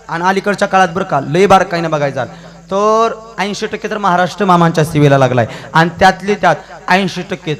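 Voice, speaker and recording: A man preaching a devotional kirtan sermon, telling stories and calling out to the listeners. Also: sits high. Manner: alternates singing refrains and lively storytelling, calling out to the crowd. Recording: echoey with music behind.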